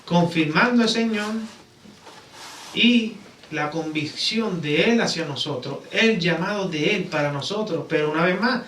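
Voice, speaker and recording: A high-voiced Puerto Rican man, a little slow and a bit bright, gives a conversational sermon in a church sanctuary. Over and over he seeks agreement with rhetorical tag questions. The sound is roomy, picked up by a distant mic along with background noise.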